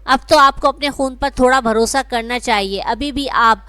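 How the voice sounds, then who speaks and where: A woman's voice: on the high side, bright, forceful tone, clear, resonant tone, dry recording. A woman voicing a coldly angry man who rebukes an older woman, in a read-aloud story. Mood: cold anger. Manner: cold, reproachful.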